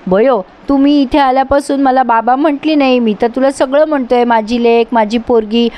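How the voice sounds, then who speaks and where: A woman's voice: high voice, fairly even intonation, normal speed, lo-fi sound, natural voice. A woman voicing a scheming, sly drunkard father who talks in a wheedling way.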